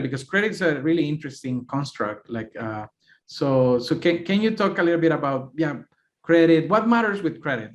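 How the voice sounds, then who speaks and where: A man from Honduras hosting a podcast interview, speaking casually with many hesitations and fillers. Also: on the high side. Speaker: podcast host.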